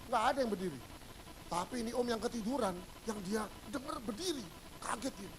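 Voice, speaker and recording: A male pastor giving a humorous sermon, telling stories and acting out the dialogue, swinging between loud bursts and hushed asides. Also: very high-pitched, lively intonation, a little fast, background noise.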